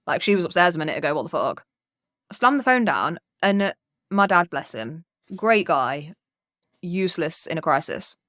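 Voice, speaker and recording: A woman's voice: lowish voice, sing-song, moderate pace, a bit bright, dry recording, clean studio sound. A young woman telling a rambling childhood story on a podcast, swearing freely and acting out what people said. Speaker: podcast co-host. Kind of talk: casual storytelling.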